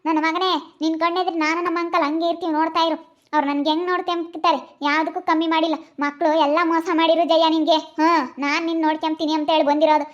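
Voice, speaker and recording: A woman playing a boastful village woman who scolds fast and emphatically, speaking with a village Kannada accent. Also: extremely high pitch, level tone. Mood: scolding. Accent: Kannada, Karnataka village dialect. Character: boastful village woman proud of her rich uncle. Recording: slightly dull lo-fi recording.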